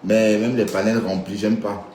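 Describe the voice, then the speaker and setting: A man talks casually to his viewers on a live stream, rambling and tossing in little check-ins. His voice sits low. The room gives back a noticeable echo with faint background sound. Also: flat delivery, moderate pace, dark tone, a little hiss or hum. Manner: rambling, addresses viewers directly with frequent "hein" and "d'accord".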